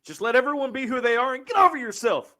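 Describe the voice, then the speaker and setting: Animated, bright-voiced man hosting a chat. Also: very high voice, fast. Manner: loose, profane, runs the show. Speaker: podcast host. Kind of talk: casual chat.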